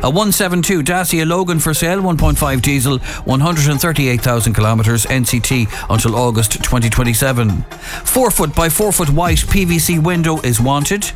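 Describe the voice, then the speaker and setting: A man's voice: on the high side, moderate pace. An Irish man presenting on radio, reading scripted local announcements. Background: music.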